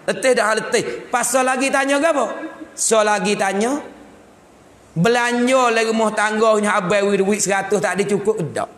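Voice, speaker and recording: A man with a Patani Malay accent teaching a religious text in a mosque, lively and joking as he acts out scenes of home life. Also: high voice, moderate pace. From southern Thailand. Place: mosque hall. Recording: echoey hall with long reverb.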